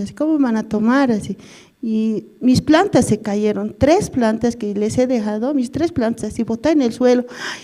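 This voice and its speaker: A woman's voice: a little high, warm tone. A middle-aged woman giving a rambling personal testimony at a prayer service, ending nearly every phrase with a questioning tag. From Bolivia. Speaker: church member giving testimony.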